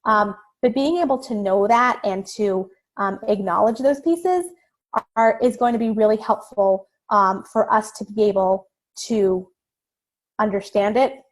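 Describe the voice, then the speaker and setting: Woman psychologist, middle-aged, calm webinar presenter, mid-pitched, reassuring and loose. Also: unhurried. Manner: calm and reassuring, with frequent "um" and "right?". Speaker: child psychologist giving a parenting webinar. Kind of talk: informal webinar talk.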